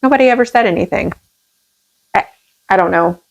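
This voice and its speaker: A woman co-hosting a podcast, wry and quick to laugh. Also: mid-range voice, vocal fry. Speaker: podcast co-host. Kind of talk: casual comedic chat.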